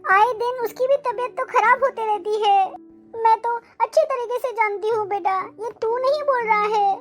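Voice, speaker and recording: A woman's voice: extremely high pitch, lively intonation, normal speed, faint music behind. A woman voicing a scolding, self-pitying old mother-in-law in a cartoon family drama, talking in a melodramatic, complaining way. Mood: aggrieved.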